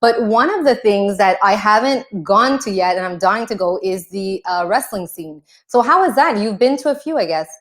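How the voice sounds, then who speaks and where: A woman's voice: medium pitch, expressive, normal speed, hardly any pauses. A woman hosting a casual interview, enthusiastic, with many "you know" fillers. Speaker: interviewer host.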